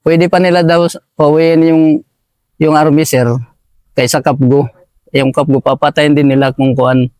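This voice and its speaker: A man's voice: fairly high pitch, flat delivery, moderate pace, long pauses, a little mellow, clear, resonant tone, no room sound. A man from Eastern Samar, recounting a war story to his interviewer and addressing him as sir at almost every phrase. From Eastern Samar, Philippines. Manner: deferential, says "sir" constantly. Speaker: militiaman guest.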